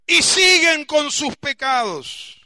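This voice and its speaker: A high-voiced Argentine man preaches slowly and deliberately, his tone piercingly bright. He hammers key words with sudden shouts and sinks to a low mutter for asides, all in a dry, close sound. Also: big pitch swings, no room sound. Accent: Argentine Spanish. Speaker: pastor. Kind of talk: sermon.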